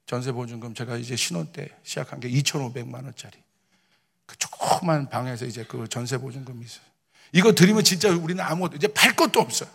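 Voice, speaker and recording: Korean pastor, gravelly voice in a reverberant hall. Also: male voice, medium pitch. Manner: storytelling, swings from hushed asides to shouted proclamation. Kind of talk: sermon with personal stories.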